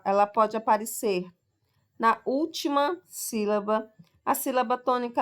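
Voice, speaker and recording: In a recorded lesson for sixth graders, a woman teacher from Brazil explains each point step by step. Her voice sits on the high side, she lingers slowly over example words, and she frequently checks in with "tá?" and "ok?".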